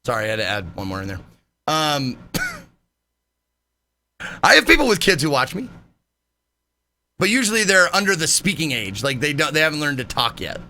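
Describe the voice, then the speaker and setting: A man streaming live, chatting casually in a loud, animated way and swearing freely. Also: fairly high pitch, moderate pace, long pauses.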